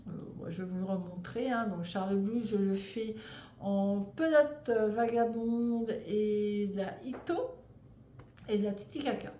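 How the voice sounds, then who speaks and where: French woman, 30s, casual knitting vlogger, rambling and stumbling, mellow tone, echoey room. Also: mid-range voice, a little slow. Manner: rambling, stumbling, frequent fillers and restarts. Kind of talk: casual chat. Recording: echoey room, faint background noise.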